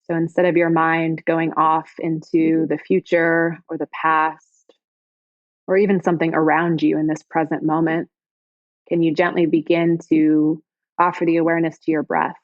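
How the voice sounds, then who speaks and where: A female yoga teacher with a deep voice guides a body scan meditation, soothing and gentle, speaking in unhurried phrases with pauses. The recording is dry and lo-fi.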